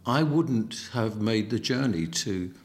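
A man's voice: fairly low pitch, expressive, slow pace. A middle-aged man with a Cockney accent, reflecting as an interview guest and often repeating words as he searches for them. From East End of London.

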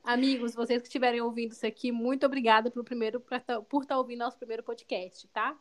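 A Brazilian woman co-hosting a casual podcast with a friend, bubbly, excitable and chatty, often adding little tag questions. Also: on the high side, fast talker, slight background noise. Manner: frequent tag questions seeking agreement. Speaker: podcast co-host.

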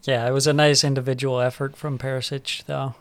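A man's voice: mid-range voice, level tone, brisk, clear, resonant tone. A man co-hosting a sports podcast, casually talking over soccer matches.

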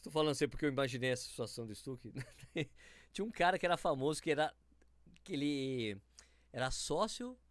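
A man from São Paulo, Brazil, with a São Paulo accent, telling stories in a casual, animated chat and acting out the people in them. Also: mid-range voice, a little fast, dry recording. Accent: São Paulo Portuguese.

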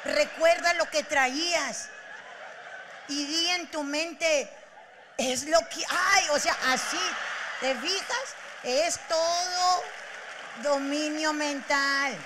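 A woman with a Mexican accent doing stand-up, crude and teasing in rapid banter. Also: high-pitched, steady tone, crowd noise, background noise. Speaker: comedian. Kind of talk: stand-up comedy.

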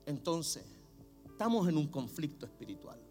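A middle-aged man with a Chilean Spanish accent, preaching a sermon as a pastor, swinging from low murmurs to shouts. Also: very animated, moderate pace, soft background music.

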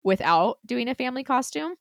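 A woman's voice: sits high, expressive, a little fast, vocal fry, dry recording, clean studio sound. A woman in her thirties co-hosting a podcast, talking casually with lots of likes and laughs. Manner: casual, filler-heavy, laughing often. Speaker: podcast co-host. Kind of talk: casual chat.

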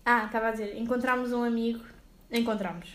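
A young woman with a European Portuguese accent, co-hosting a podcast with a playful, chatty manner. Her voice sits a little high and carries a noticeable room echo. She tends to think out loud as she talks. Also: steady tone, fast talker. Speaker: podcast co-host. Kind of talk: casual chat.

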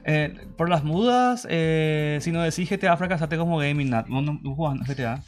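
Rambling playful male host. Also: on the high side. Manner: quick, rambling, playful, many restarts. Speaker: show host. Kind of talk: casual chat.

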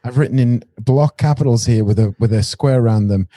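Mellow-voiced chatty podcast man. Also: medium pitch, brisk, no echo, clean studio sound. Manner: chatty, rambling, with small restarts. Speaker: podcast co-host reviewing a film. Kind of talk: casual podcast chat.

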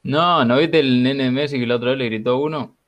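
A young man with an Argentine accent, chiming in with quick jokes in a casual chat among friends. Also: medium pitch, highs cut off. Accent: Argentine Spanish. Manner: joking, quick interjections.

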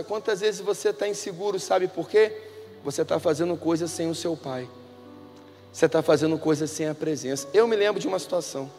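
A man preaching a sermon in a church, telling stories conversationally and swinging between hushed and loud delivery. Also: sits high. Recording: reverberant hall with music.

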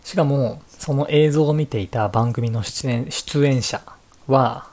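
A man from Japan with a Japanese accent, hosting his own podcast in an unhurried, chatty way and moving between English and Japanese. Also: medium pitch, darkish tone. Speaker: podcast host. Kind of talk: casual solo podcast talk.

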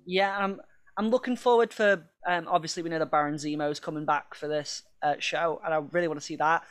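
A man's voice: a little high, fairly even intonation, a little fast, fairly bright tone, smooth. A man co-hosting a podcast, chatting casually, rambling, laughing and swearing now and then. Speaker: podcast co-host. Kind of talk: casual chat.

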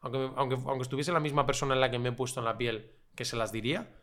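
A man with a Spain Spanish accent, a podcast guest chatting casually, relaxed and swearing freely. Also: mid-range voice, rapid-fire. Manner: relaxed and chatty, swears freely, quotes others in lively voices. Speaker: podcast guest, food creator. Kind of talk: casual chat.

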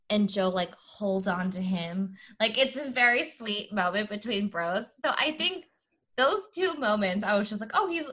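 Bright-voiced American woman with vocal fry. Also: medium pitch. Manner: chatty Valley Girl delivery. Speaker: podcast host. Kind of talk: casual recap chat.

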